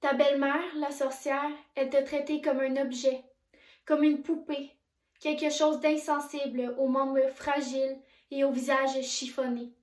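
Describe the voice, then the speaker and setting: A young woman delivers a dramatic monologue in a solemn, measured voice. Her voice sits high. The recording carries a noticeable room echo. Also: level tone, darkish tone. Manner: solemn, addresses the listener directly. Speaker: monologue performer.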